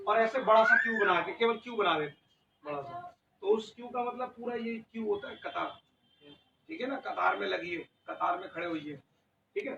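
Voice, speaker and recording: A man teaching an English class, explaining phrases and having students repeat them aloud, telling them to speak louder. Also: high-pitched, creaky, background noise. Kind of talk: classroom lesson, call-and-repeat drills. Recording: echoey room, recorded from a distance, dull lo-fi sound.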